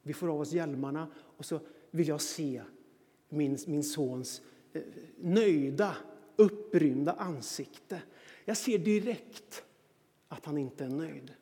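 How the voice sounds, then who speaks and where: A man recounting a personal story in an animated, self-mocking way. His voice sits high but sounds warm and mellow. A long reverb hangs behind each phrase. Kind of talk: personal anecdote monologue.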